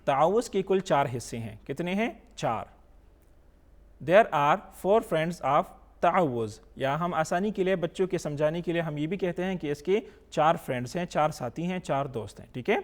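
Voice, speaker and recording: A man with a Pakistani accent teaching a televised Quran reading lesson, patiently drilling each letter with slow, drawn-out recitation and English words mixed into his explanations. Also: a little high, lively intonation.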